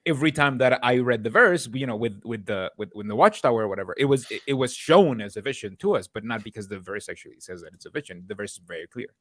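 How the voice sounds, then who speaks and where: A man's voice: medium pitch, expressive, fast talker, few pauses, fairly bright tone, no room sound, clean studio sound. A man co-hosting a podcast in casual chat, rambling with frequent restarts and easy laughter. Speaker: podcast co-host.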